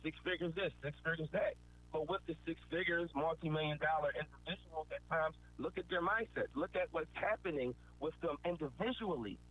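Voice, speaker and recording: A man's voice: on the high side, brisk. A man giving an earnest, preachy motivational talk, repeating points for emphasis. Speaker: motivational speaker. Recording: tinny phone-like line with faint noise.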